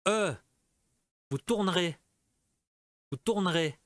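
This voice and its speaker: A man teaching a French lesson, repeating each example several times and slipping into quick Portuguese asides. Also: sits high, no room sound, clean studio sound. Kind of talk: explaining a language lesson.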